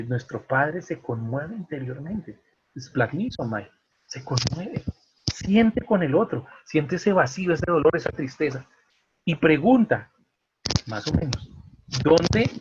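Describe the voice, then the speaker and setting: Husky breathy guy leading a bible study over a video call, lively, keeps asking the group stuff, dull lo-fi sound. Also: a little high. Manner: animated, asks the group questions. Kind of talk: online Bible study teaching.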